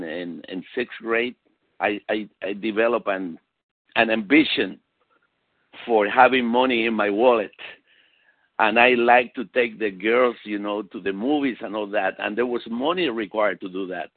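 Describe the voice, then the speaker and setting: Over a tinny, narrow phone line on a conference call, a man with a fairly low voice and a Latin American Spanish accent speaks at normal speed, with no echo. A motivational sales speaker and executive consultant from South America and Puerto Rico, he drives home his business message by repeating key phrases emphatically.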